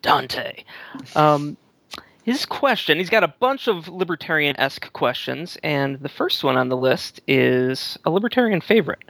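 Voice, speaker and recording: A man's voice: a little high, big pitch swings, a little slow, creaky, a bit bright, no echo. A man co-hosting a call-in show, wry and joking as he reads out listener questions. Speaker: co-host and producer. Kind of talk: call-in talk show banter.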